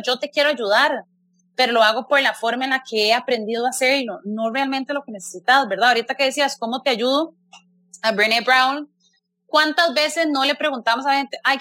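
A woman speaks in a bright, forceful voice with a dry, close sound. Her pitch sits a little high. She talks earnestly in a casual conversation, often closing thoughts with "¿verdad?". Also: no echo. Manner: earnest, tagging sentences with "¿verdad?" and "o sea".

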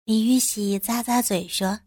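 A woman's voice: a little high, fairly even intonation, measured pace, a little mellow, breathy edge, dry recording, clean studio sound. A woman narrating an adult audio drama in the first person, turning flirtatious and teasing in her character's dialogue.

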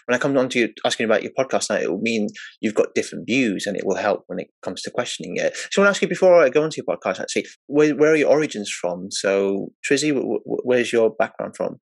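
A man's voice: on the low side, lively intonation, fast, vocal fry, hardly any pauses, breathy edge, dry recording. Guy interviewing on a podcast, rambly questions, keeps restarting, dry close sound.

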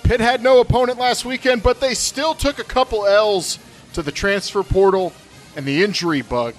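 A man co-hosting a casual sports podcast, energetic and chatty, running through questions and sponsor reads. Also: high-pitched, normal speed, faint music behind. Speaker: podcast co-host. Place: at home, remote recording.

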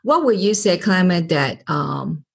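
A woman's voice: on the low side, lively intonation, unhurried, vocal fry, breathy edge. A middle-aged woman hosting a podcast interview, often searching for words and restarting her sentences. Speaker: podcast host.

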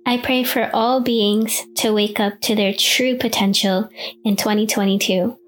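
A woman podcast host leading a guided meditation in the soothing, unhurried, gently instructing manner of a sleep story narrator. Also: medium pitch, fairly even intonation, faint music behind.

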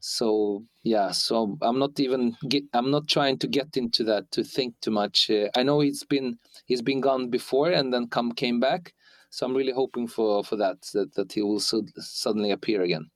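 A man in his forties who grew up in Ukraine talks haltingly through an interview, his sentences full of restarts and fillers. His voice sits at a middle pitch for a man. The recording is dry, with no room echo around him. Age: 40s. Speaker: interview guest. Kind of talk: hesitant conversational interview. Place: Sweden.

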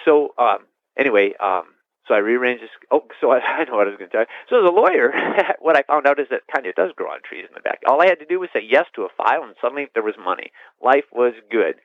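A middle-aged man, a priest, telling his story in an interview, rambling and animated, restarting sentences and laughing. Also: medium pitch, quick pace, dry recording. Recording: tinny phone-line sound.

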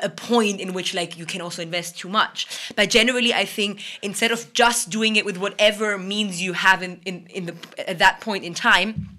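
A woman's voice: medium pitch, bright, forceful tone. A woman co-hosting a podcast, talking conversationally in an explanatory way and carefully qualifying her points. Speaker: podcast co-host.

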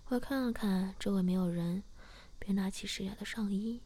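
A woman narrating a first-person story as a whispered role-play, in a steady, hushed, breathy voice. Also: medium pitch, normal speed.

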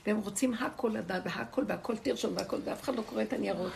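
A woman's voice: medium pitch, vocal fry. A woman in casual group conversation, talking animatedly and preachily, often laughing. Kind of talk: casual chat. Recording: noisy crowd around.

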